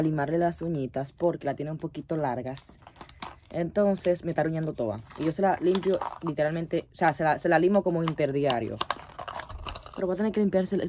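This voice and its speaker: A woman's voice: dark tone, slight background noise. A young mother, chatting casually through her baby's routine at home on a phone camera. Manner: chatty, talks to baby in a high cooing voice. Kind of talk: casual vlog narration. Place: home nursery, indoors.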